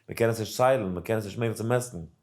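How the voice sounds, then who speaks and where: A man giving a casual Torah talk who springs into lively voices for the people in his story. Between stories he chants verses in a singsong and explains them plainly. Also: lowish voice, rapid-fire. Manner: animated storyteller acting out characters, mixing in English and Hebrew. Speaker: rabbi teaching daily Torah study.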